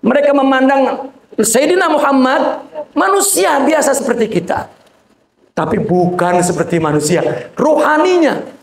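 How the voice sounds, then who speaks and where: A man's voice: extremely high pitch, animated, unhurried, vocal fry. A man, a sheikh, giving an informal religious sermon to a gathering, talking colloquially with joking asides and addressing listeners directly. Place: Islamic boarding school gathering. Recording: echoey room.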